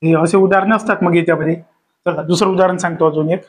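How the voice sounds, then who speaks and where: High-voiced man teaching grammar, quizzing. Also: fairly even intonation, fast talker. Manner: repetitive, quizzing with rhetorical questions. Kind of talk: classroom lesson explaining at a board.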